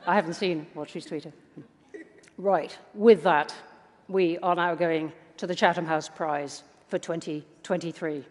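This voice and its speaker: An event chair hosting a live prize ceremony and speaking in a formal, measured way. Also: medium pitch, fairly even intonation, a little mellow. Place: large hall with an audience. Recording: reverberant hall.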